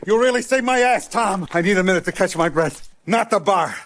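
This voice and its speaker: An actor voicing a hardened middle-aged mafia don in a video game, deliberate and authoritative, with streetwise gangster talk. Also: male voice, high-pitched, expressive, fairly bright tone, slight background noise. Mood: angry, agitated. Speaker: crime boss in a video game. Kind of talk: video game character acting.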